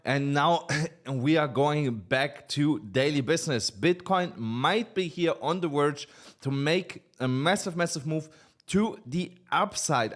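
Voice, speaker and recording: A man's voice: fairly high pitch, fairly bright tone. Hesitant man talking crypto charts. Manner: hesitant, many fillers, slightly non-native phrasing. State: a little unwell, low on energy. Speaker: crypto market analyst host. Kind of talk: casual chart analysis talk.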